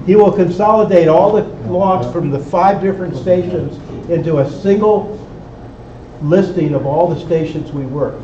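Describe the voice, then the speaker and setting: This amateur radio club instructor has a high-sitting, dark-toned voice and talks at a normal speed, explaining practical matters to a room and frequently making sure everyone keeps up. Recorded in an indoor club meeting room, the sound is echoey, with a distant dull mic and faint noise.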